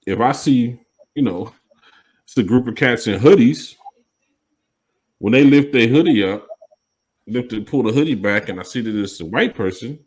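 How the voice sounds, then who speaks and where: A male podcast co-host with a mid-range, slightly mellow voice speaks casually and emphatically. He often checks in by saying "you know what I mean." The recording sounds rough.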